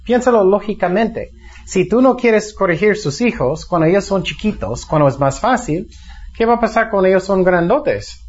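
Preacher man, fairly high voice, lo-fi. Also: lively intonation, moderate pace, husky. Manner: teaching in plain words, asks the congregation questions. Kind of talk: conversational sermon. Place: church service. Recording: dull lo-fi sound.

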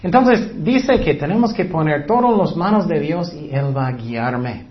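A man with a fairly high voice gives an informal sermon. He talks conversationally, hesitating with fillers as he quotes scripture. The recording sounds dull and lo-fi. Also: lively intonation, a little slow. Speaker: preacher.

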